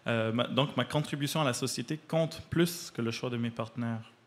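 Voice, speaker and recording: Delivering a prepared arts column, a medium-pitched man partly reads his reviews and explanations in the style of a cultural radio piece, speaking fairly quickly.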